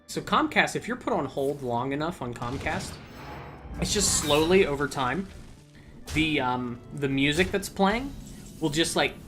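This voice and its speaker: A young man with a highish, fairly bright voice speaks in an animated but unhurried way, with faint music behind him. Playing a card game in a casual let's-play chat, he tells a long story full of fillers and restarts.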